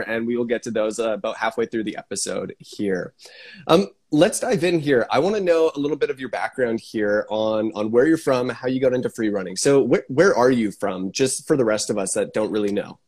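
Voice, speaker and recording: A man's voice: medium pitch, a little mellow. A man hosting an interview show, talking in a laid-back, slangy way. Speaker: podcast host. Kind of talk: casual interview.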